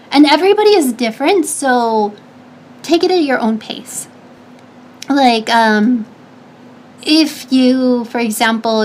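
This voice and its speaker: Chatting with her stream audience, a high-pitched woman with a slightly nasal, darkish voice hands out advice between many restarts and fillers. She has a stuffy nose, and a little hiss or hum sits under the audio.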